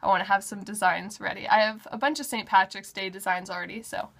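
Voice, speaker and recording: A woman's voice: mid-range voice, fairly even intonation, fast, gravelly, fairly bright tone. A woman in her twenties chatting casually and upbeat to her vlog viewers, full of "like" and "um". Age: 20s. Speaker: vlogger.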